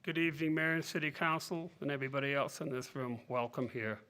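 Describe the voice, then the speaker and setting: A man's voice: medium pitch, fast talker, bright, forceful tone, clean tone. An older man giving public comment at a city council meeting, earnest and rambling.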